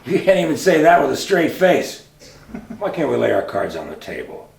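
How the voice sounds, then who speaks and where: A man's voice: a little high, sing-song, moderate pace, vocal fry, darkish tone. A skeptical dying man. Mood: probing. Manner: skeptical, probing. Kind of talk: short film acting. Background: music.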